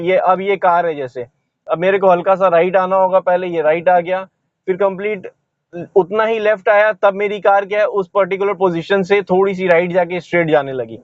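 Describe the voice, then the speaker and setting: A man's voice: sits high, dry recording, lo-fi sound. A man giving a driving lesson while he drives, explaining each step and pointing out what he is doing as he goes. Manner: explanatory, repeats "ye dekhiye" while demonstrating. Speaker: driving instructor. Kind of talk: instructional commentary while driving. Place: inside a car while driving.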